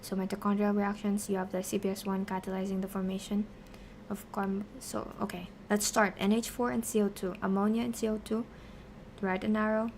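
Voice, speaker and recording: Casting: female streamer-tutor, mid-range and fairly even voice, casual self-directed explanations, some background noise. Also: mid-range voice, brisk. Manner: talks to herself while working through answers. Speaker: streamer teaching biochemistry. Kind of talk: casual study-stream explanation, question and answer.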